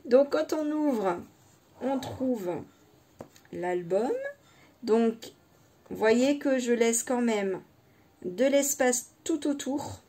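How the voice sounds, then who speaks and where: A woman presents her scrapbooking project in a casual show-and-tell. Her voice sits a little high, and she speaks at a slow, unhurried pace. She thinks aloud and hesitates as she holds up each item, with faint noise under her speech. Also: animated, mellow. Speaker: scrapbooking vlogger.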